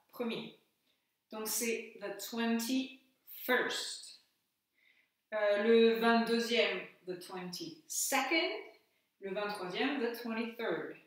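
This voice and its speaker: French teacher in an echoey room. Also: female voice, on the high side, far from the mic. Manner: patient, spells out letters and repeats words slowly. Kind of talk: classroom lesson explanation.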